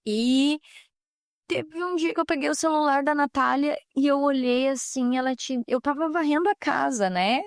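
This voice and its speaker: A woman's voice: high voice, normal speed, no echo, clean studio sound. A middle-aged woman, a mother and housewife, earnestly sharing a faith testimony and acting out family dialogue as she tells it. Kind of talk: personal faith testimony on a podcast.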